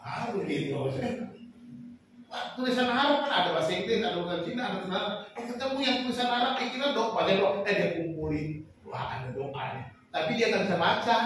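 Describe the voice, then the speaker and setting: Animated pastor in echoey hall. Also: male voice, sits high. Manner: animated, shouting peaks, acts out quotes. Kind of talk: sermon. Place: large church hall. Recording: echoey hall from far off, faint noise.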